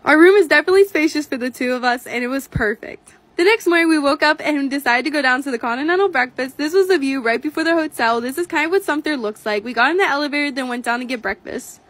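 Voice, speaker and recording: A woman's voice: sits high, expressive, fast talker, hardly any pauses, a bit bright. An eighteen-year-old woman narrating a vlog voice-over in a gushing, upbeat storytelling way. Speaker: vlogger.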